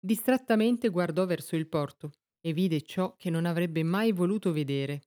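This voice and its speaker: A woman narrating a story in a measured, expressive reading. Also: lowish voice.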